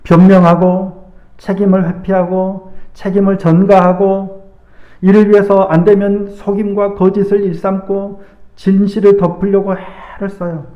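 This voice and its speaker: A male pastor delivering a sermon in a slow, deliberate preaching manner, now and then acting out the voices he quotes. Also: sits high, roomy sound, lo-fi sound. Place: church sanctuary.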